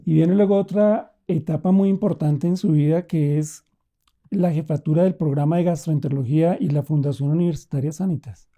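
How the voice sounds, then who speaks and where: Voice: mid-range voice, fairly even intonation, fairly quick, warm tone. An interviewer asking formally about the next stage of the guest's career. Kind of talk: interview questions.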